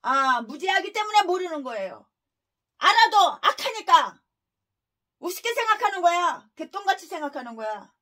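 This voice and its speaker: A woman pastor preaching with a very high, piercing voice. She scolds her listeners relentlessly and throws out crude insults and rhetorical questions. Her tone stays bright and forceful throughout. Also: big pitch swings, normal speed. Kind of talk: expository sermon.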